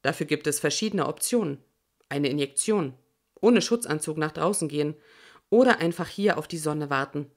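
Woman reading a laid-back blunt guy in an audiobook, lowish voice. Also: moderate pace. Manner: relaxed, blunt. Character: relaxed, dryly blunt male companion.

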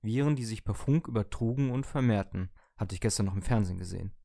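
A man's voice: lowish voice, fast talker, gravelly, warm tone, no echo. A man reading a humorous short story aloud, with wry, dry storytelling. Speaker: narrator.

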